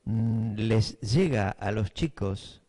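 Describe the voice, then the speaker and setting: A man's voice: on the low side, slow pace, warm tone. A middle-aged man with a Buenos Aires accent giving a class to teachers, thinking aloud with fillers and often checking that his listeners follow. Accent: Buenos Aires Spanish. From Buenos Aires, Argentina. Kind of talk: lecture to teachers.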